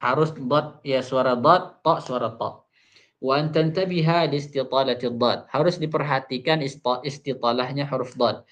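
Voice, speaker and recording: A man teaching Quran recitation rules, explaining an Arabic text step by step, repeating each example slowly. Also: mid-range voice, fairly bright tone. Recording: dull muffled online audio.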